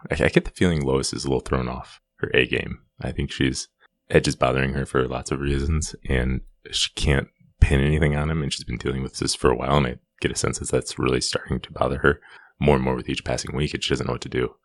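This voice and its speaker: A man's voice: extremely low pitch, little pitch movement, quick pace. A man co-hosting a casual podcast, thinking aloud and hedging as he discusses a TV show. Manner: hesitant, unsure, thinking aloud. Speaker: podcast co-host.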